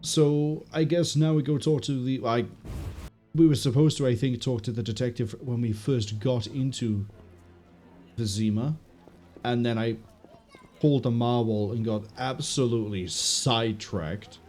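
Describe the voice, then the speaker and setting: A man's voice: mid-range voice, steady tone, unhurried, a little mellow, soft background music. A man giving casual playthrough commentary as he plays a video game, with playful, wry asides. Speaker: gaming streamer.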